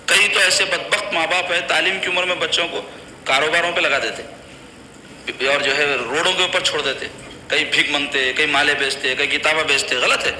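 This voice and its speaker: A man's voice: fairly high pitch, steady tone, sharp tone. A man giving an earnest, admonishing religious lecture to a congregation. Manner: earnest, admonishing, plain conversational phrasing. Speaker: Islamic preacher. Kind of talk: religious lecture on child upbringing. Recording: echoey hall with faint noise.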